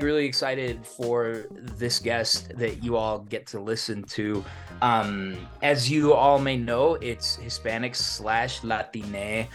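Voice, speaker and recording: A man's voice: on the low side, fairly bright tone. A man with an American accent hosting a podcast in an informal, slangy way, dropping in bits of Spanish. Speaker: podcast host. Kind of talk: casual hosting and interview.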